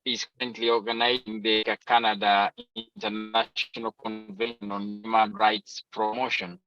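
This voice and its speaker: A man from Uganda, introducing himself on a video call that keeps breaking up. He talks haltingly, with many "uh" fillers. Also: fairly low pitch, level tone, pushed and bright, no room sound, soft background music. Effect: video call audio, breaking up. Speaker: guest speaker, event organizer. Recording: dull lo-fi video call audio.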